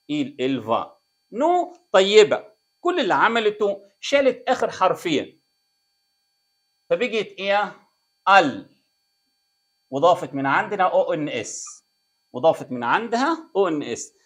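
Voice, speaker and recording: Egyptian male French teacher, middle-aged, lively up-and-down delivery, classroom drill style. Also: a little high. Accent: Egyptian Arabic. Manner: lively, repetitive drilling, asks "tamam keda?" often. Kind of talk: classroom-style lesson explaining French grammar.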